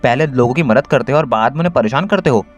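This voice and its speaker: A man's voice: medium pitch, fast talker, faint music behind, lightly acted. A man voicing a pair of angry schoolgirls who scold and demand answers. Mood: indignant. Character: two angry scolding schoolgirls, speaking together.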